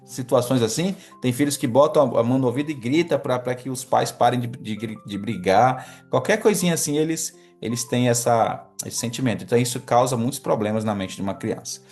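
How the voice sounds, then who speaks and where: Pastor guy preaching on a livestream, earnest, talks to the brothers, soft music under him. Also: mid-range voice, brisk, few pauses. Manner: earnest, addresses listeners as brothers, asks the audience questions. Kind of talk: teaching sermon reading from a book. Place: online livestream with chat.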